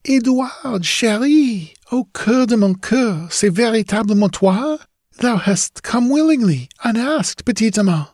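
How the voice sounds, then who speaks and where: A woman's voice: fairly high pitch, expressive, a little slow, darkish tone, dry recording, clean studio sound, pitched above the performer's own voice. A man voicing a tender, pleading young French woman's ghost in an audiobook, speaking with a French accent and old-fashioned phrasing. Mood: yearning. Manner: pleading, archaic speech.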